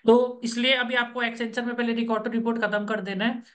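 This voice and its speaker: A man's voice: extremely high pitch, level tone, fairly quick, fairly bright tone. A man coaching a student for job interviews on a video call, giving firm instructions and often checking that he is understood. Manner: directive, keeps checking understanding.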